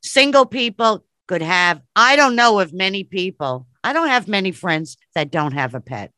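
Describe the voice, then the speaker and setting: A woman's voice: mid-range voice, expressive, normal speed, sharp tone, dry recording. A woman talking casually and enthusiastically as a guest on a podcast. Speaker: podcast guest and fellow host.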